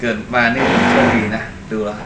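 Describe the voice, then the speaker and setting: A man's voice: brisk, distant mic. A man talking casually with family while being filmed on an amateur home video. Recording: very noisy, echoey home video.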